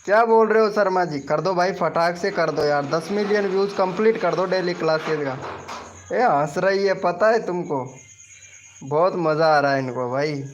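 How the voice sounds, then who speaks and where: A man hosts a casual live stream, bantering and teasing his viewers in a rather high voice. He keeps up a steady, chatty flow. The audio is dull and lo-fi. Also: moderate pace.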